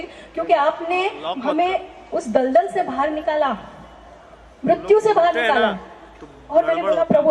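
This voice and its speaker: High-voiced woman sharing a church testimony. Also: a little mellow. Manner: earnest storytelling with rhetorical questions. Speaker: testimony speaker. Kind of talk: personal testimony in a church talk. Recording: echoey, dull lo-fi hall recording.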